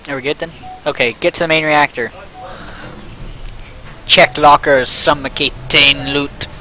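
An excitable young man livestreams a game with a friend, joking and reading the on-screen prompts aloud. His voice sits high and sounds bright, with a faint hiss behind it. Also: a little slow, low-quality recording. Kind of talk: casual gaming chat.

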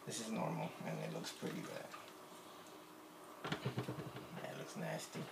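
This Puerto Rican vlogger, in his thirties, speaks in a rumbling low, creaky voice with a completely flat delivery and a measured pace. He rambles and jokes about himself while mixing a drink in his kitchen, filmed on a phone on the counter. Heavy background noise joins the echo and faint ambience of the room.

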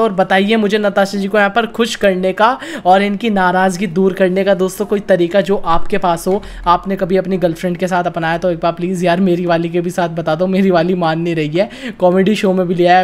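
Narrating his character's romance with playful, chatty commentary, the high-voiced host of a gaming channel keeps addressing his viewers as friends and brothers.

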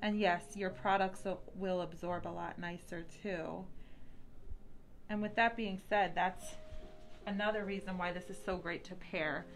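A woman's voice: on the low side, fairly even intonation, measured pace. Woman talking through a face mask, noisy room. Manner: informal, explanatory. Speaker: nurse practitioner. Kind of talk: explaining a treatment on a live video. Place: small indoor treatment room.

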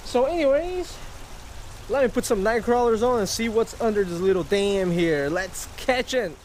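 Standing outdoors by a wooded creek, a man in his thirties fishes and casually narrates his vlog to camera, reacting loudly to every catch and talking with viewers. He has a high, expressive, slightly mellow voice at normal speed, recorded on a handheld or chest-mounted camera mic with slight hiss or hum.

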